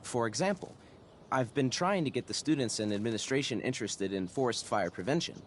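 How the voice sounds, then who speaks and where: A man's voice: mid-range voice, lively intonation, a little fast, slight background noise, natural voice. A man voicing an earnest, self-important student in a video game, articulate, formal and pompous. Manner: pompous, precise, formal wording.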